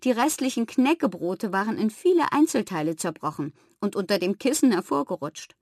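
A woman narrating a children's story in the first person, expressive and animated. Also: medium pitch, a little fast, no echo, studio quality. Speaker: audiobook reader.

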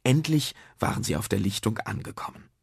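A man narrating a children's story in a lively, expressive storytelling manner. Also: on the low side, brisk, gravelly, slightly rough, dry recording, studio quality.

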